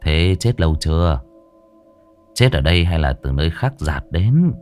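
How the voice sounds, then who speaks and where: A man voicing a calm, confident young male exorcist who taunts and questions a ghost. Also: low voice, normal speed, soft background music, pitched below the performer's own voice. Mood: cool taunting. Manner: cool, teasing, commanding.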